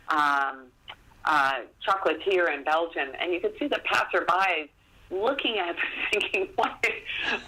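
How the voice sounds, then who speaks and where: The audio is poor, and her voice is on the low side with a breathy edge. A middle-aged author, she's a podcast interview guest who tells stories casually and chattily, making fun of herself and animatedly re-enacting exchanges.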